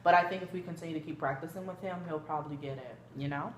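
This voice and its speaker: A woman playing a gentle therapist in an amateur role-play, talking conversationally and hedging often as she explains. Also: deep voice, fast, natural voice. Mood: calm, concerned. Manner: hesitant, hedging with frequent kinda and you know. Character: gentle female therapist leading a family session. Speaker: student clinician in a role play. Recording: echoey room with background noise.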